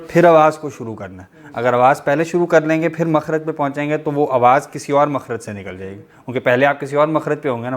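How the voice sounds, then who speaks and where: A man teaching Quran recitation, correcting pronunciation patiently and modelling words slowly. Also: a little high. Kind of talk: correcting pronunciation in an online class.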